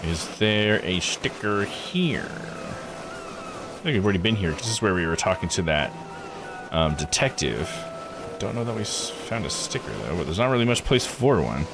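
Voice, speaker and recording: Game music plays under a male streamer's casual commentary as he thinks aloud and reads game text during a let's-play. He speaks at a normal speed in a lower register, and he's very animated.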